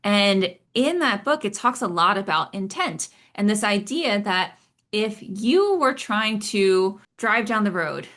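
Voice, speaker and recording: Woman, podcast co-host, mid-pitched, measured and explanatory, talk-show delivery. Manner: calm, measured, explaining with everyday examples.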